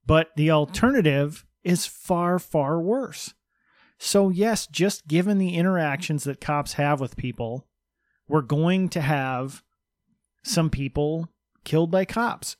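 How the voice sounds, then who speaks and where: A man's voice: a little high, unhurried, darkish tone, dry recording, clean studio sound. A man co-hosting a podcast in casual, joking talk, explaining things with mock-serious sarcasm. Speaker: podcast co-host.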